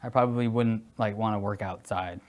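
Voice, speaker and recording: A man in his forties answers quick-fire interview questions in a casual, conversational way. He hesitates often and fills pauses, then warms up and grows animated. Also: lowish voice. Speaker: guest, security executive.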